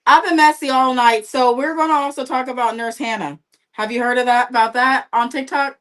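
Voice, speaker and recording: A woman on a livestream talks casually while painting, her voice bright and forward. She tells gossip in a chatty, animated way, jumping between thoughts. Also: high-pitched, fairly quick. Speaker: livestream co-host. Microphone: livestream setup.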